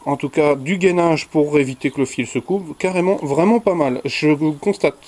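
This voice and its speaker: A man's voice: a little high, normal speed, a little mellow. A young man hosting a casual unboxing video, rambling and often correcting himself with little jokes. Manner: rambling, self-correcting, jokey. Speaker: tech video host unboxing a headset.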